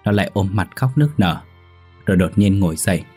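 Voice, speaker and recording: A man narrating a scripted horror story in a steady, measured manner. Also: low voice, slightly rough. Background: faint background music.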